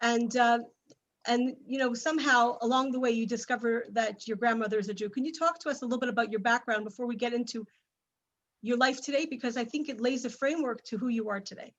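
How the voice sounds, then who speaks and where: A woman with a fairly high voice hosts an evening talk over a video call. She introduces her guest and then asks him questions, speaking in a measured, earnest way. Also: fairly even intonation, muffled recording. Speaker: host.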